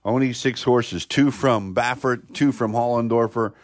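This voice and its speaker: A man's voice: mid-range voice, fairly even intonation, a little slow, no room sound, studio quality. An older man hosting a horse racing talk show, chatting in a rambling, casual way.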